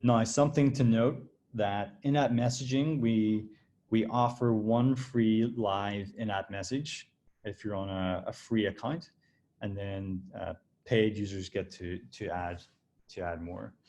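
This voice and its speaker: A man giving a relaxed, explanatory software walkthrough as a design director, often restarting his phrases as he clicks through a demo. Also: on the low side, measured pace, a little hiss or hum. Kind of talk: screen-share software walkthrough.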